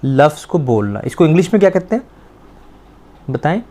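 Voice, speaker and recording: A man's voice: on the high side, big pitch swings, warm tone. Male Persian teacher, drilling children patiently with questions. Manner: patient, repeats words slowly to drill pronunciation; asks the pupils questions and praises answers.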